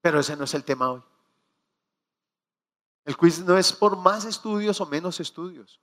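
A man's voice: high-pitched, fairly bright tone. Emphatic preacher man. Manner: storytelling with acted asides and quoted prayers; emphatic, slowing on key phrases. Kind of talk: sermon.

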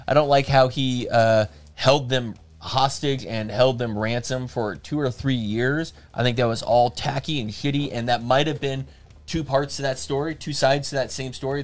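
A man's voice: medium pitch, steady tone, normal speed. A man hosting a casual podcast chat, rambling and profane, with lots of fillers and restarts. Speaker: podcast host.

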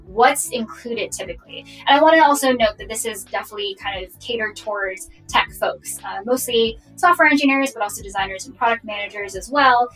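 A young adult woman hosting a casual live-streamed interview, chatty with many fillers, heard through low-quality stream audio. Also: fairly bright tone. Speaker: host. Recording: distant low-quality stream mic, faint music.

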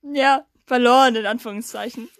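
A young woman co-hosting a casual chat, relaxed, laughing along and acting out other voices when she tells a story. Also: fairly high pitch, moderate pace, no echo, clean studio sound. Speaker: podcast co-host.

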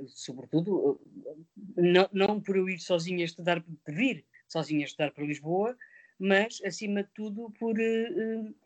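Reflective woman in her fifties. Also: on the low side. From Mozambique. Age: 50s. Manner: reflective, many hesitations. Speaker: actress guest. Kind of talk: interview answers.

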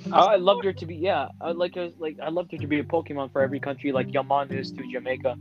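A man's voice: a little high, level tone, quick pace, music in the background. Playful young man, dull lo-fi sound. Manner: playful, laughing, goofy bits. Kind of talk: casual chat.

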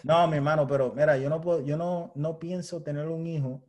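A man's voice: on the high side, steady tone, a little fast, darkish tone. A man hosting a podcast, talking frankly and casually, swearing often and thinking aloud. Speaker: podcast host. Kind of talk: casual chat.

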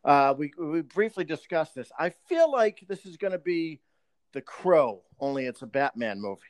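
A man's voice: on the high side, sing-song, moderate pace, dry recording. A man co-hosting a podcast, chatting casually and joking with plenty of swearing. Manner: joking, swearing, slips into a mock British accent. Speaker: podcast co-host. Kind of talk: casual chat.

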